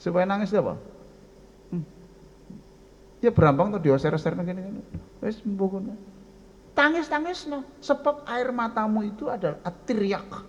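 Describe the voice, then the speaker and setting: An older man with a Javanese accent preaching a lively sermon, often addressing his listeners directly and acting out voices. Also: high voice, normal speed, long pauses, lo-fi sound. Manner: lively, addresses audience as "Pak", acts out voices.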